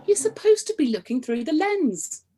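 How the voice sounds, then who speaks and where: In a comic radio play, an actress voices a prim, suspicious middle-aged wife who scolds and speaks sarcastically. Her female voice sits high and sing-song at a moderate pace, over a noisy background.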